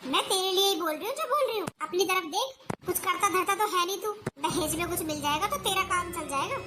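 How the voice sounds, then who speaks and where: A woman playing a greedy, sharp-tongued middle-aged mother-in-law in a home-made family skit, scolding and nagging. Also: very high voice, animated, brisk. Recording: noisy home recording.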